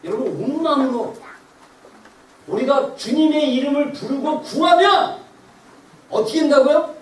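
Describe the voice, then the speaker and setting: A pastor giving an impassioned sermon in a church sanctuary, building up to near-shouting. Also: sits high, a little slow. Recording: very echoey hall, distant mic.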